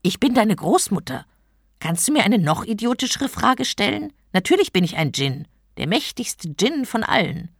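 A woman's voice: lowish voice, big pitch swings, normal speed, gravelly, few pauses, no echo, studio quality, full character voice. A woman voicing a rude, irritable male genie trapped in a bottle, snapping and mocking in a storybook reading.

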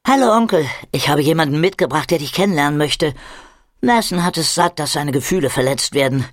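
A man's voice: a little high, a little fast, no echo, studio quality, natural voice. Man doing an eager young girl. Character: eager girl, excited to bring a test subject.

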